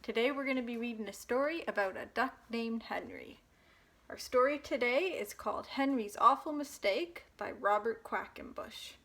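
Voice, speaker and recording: With a fairly high voice at normal speed, a storytime host reads a picture book to young children, giving it an expressive, dramatic telling.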